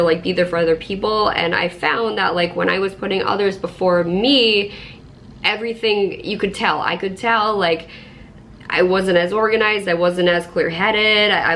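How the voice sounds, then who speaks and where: A woman speaks to her viewers in a sick, slowed-down voice that sits on the low side. She rambles casually and warmly through her routine, leaning on fillers. A faint hum of background noise sits under her voice. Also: fairly even intonation. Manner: chatty, lots of "like" fillers, self-described structured. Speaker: vlogger. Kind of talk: casual vlog talk to camera.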